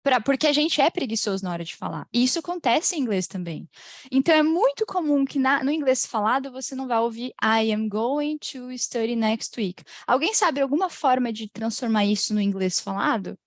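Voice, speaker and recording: A woman with a Brazilian Portuguese accent teaching English pronunciation in an online class. She laughs often and slowly draws out the model phrases. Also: sits high, no room sound, clean studio sound. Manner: lively, drawn-out model phrases, frequent laughs.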